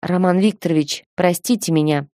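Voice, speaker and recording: A woman voicing a quiet, contrite young woman who speaks softly, in an audiobook reading. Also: fairly low pitch, normal speed, no echo, clean studio sound, lightly acted. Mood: subdued. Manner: quiet, soft-spoken.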